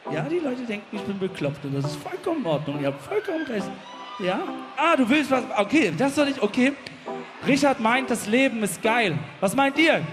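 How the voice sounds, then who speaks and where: A man's voice: extremely high pitch, expressive, brisk. A German man, a musician performing live at an open-air festival, joking playfully with the crowd between songs. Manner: playful, cheeky, calls out to the crowd. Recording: live concert sound with loud band music.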